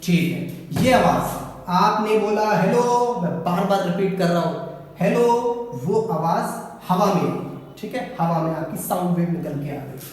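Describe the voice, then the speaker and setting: A high-pitched male teacher explains a physics lesson playfully, asking his class questions and answering them himself. His voice sounds far from the mic in an echoey room with a long reverb tail. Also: a little slow. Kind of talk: classroom lesson with student-style replies.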